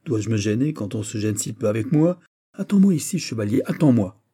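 A man's voice: fairly low pitch, sing-song, dark tone, husky. A man reading aloud, voicing a jealous, petulant royal prince who turns bitter and angry. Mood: furious. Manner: bitter, quick to anger, whining.

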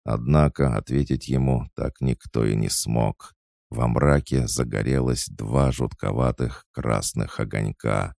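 A man reading a story aloud as an audiobook narrator, steady and measured. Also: rumbling low, creaky, no echo, studio quality.

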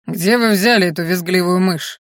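A woman's voice: on the low side, moderate pace, dry recording, clean studio sound, close to an everyday voice. A woman voicing a hulking male orc chieftain who teases and guffaws in an audiobook. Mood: mocking. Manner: guffawing, teasing.

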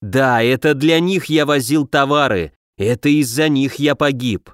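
A man voicing a cowardly merchant turned into a bone-armored undead monster, talking in a shrill, pleading, desperate way in an audiobook. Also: unhurried, dry recording, studio quality, lightly acted. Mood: bitter accusing. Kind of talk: audiobook narration.

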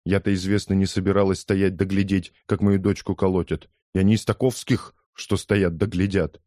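A man's voice: deep voice, flat delivery, normal speed, mellow, no room sound, studio quality, lightly acted. A man voicing an indignant older woman who scolds and rambles in an audiobook. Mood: outraged. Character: indignant older woman, loud gossiping mother. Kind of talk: audiobook character voice.

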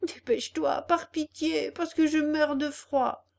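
Storybook puppet boy, shrill and pleading, read by a woman; slow delivery. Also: fairly even intonation, creaky, full character voice. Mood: pleading impatient. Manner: high-pitched, loud, urgent.

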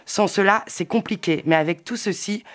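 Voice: medium pitch, moderate pace. A voice declaiming absurd rambling verse. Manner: rambling, absurd, half-sung poetic declaiming. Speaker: participant reading on an event radio. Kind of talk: reading surreal poetic text. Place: makeshift radio at a summer gathering.

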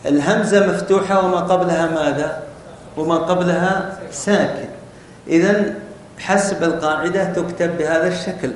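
A man's voice: fairly even intonation, normal speed. Man teaching in a very echoey classroom. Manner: explains step by step, often asks the class questions. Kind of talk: classroom lesson on spelling rules. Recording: very echoey room with faint rumble.

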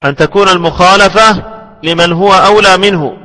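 A man with a high, bright voice teaches a classical religious text. He speaks slowly and repeats each phrase for dictation. His voice rings with a long reverb, as if he is in a large hall. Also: fairly even intonation. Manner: deliberate, repeats phrases for students to write. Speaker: Islamic scholar teaching hadith terminology. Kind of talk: slow classroom lecture with repetition for dictation.

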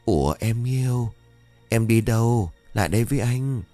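A man's voice: mid-range voice, mellow, faint music behind, lightly acted. A leering possessed young man, as a man puts him on. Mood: leering, crooning. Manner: slow, sleazy crooning.

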